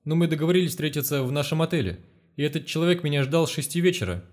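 A man voicing a frightened, pleading elderly male law professor in an audiobook, in a plaintive, higher voice. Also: lively intonation, racing, a little mellow, lightly acted. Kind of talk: audiobook character reading.

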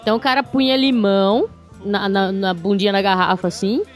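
A woman's voice: mid-range voice, steady tone, fairly quick, soft background music. A young woman chatting casually on a podcast, rambling and laughing easily. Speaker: podcast co-host. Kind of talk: casual chat.

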